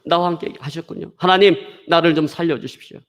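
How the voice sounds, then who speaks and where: A desperate man clings to a branch over a cliff and screams for help in a strained, high voice, as a pastor acts him out in a sermon story. He sounds panicked and begs anyone to save him. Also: steady tone, fast, natural voice. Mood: pleading. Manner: shouting for help, pleading.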